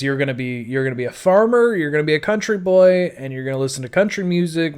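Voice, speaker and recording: Rambling conversationally through his life story, this adult man records an audio-blog monologue peppered with "like" and "you know." His voice is smooth and on the high side.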